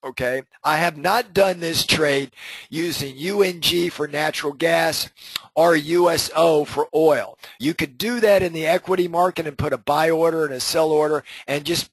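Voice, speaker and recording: A man's voice: a little high, moderate pace, breathy edge, no room sound, rough recording. A middle-aged man hosting a trading group, explaining trades in a casual lesson and checking in with "okay?" and "right?" as he goes. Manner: conversational, frequent "okay?" and "right?" check-ins. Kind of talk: casual market lesson over charts.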